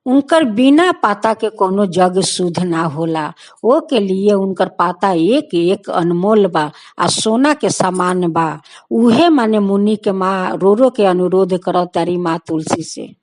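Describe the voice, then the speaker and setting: A woman storyteller narrating a devotional folk tale in a slow, earnest, repetitive manner. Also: mid-range voice, animated, a little mellow.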